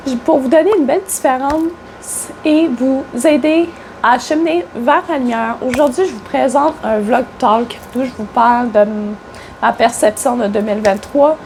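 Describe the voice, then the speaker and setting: A woman with a Quebec French accent vlogs casually as a spiritual coach, chatty and hesitant, full of fillers and restarts, slightly congested from a cold. Her voice sits high and darkish at normal speed, on a rough recording with slight background noise.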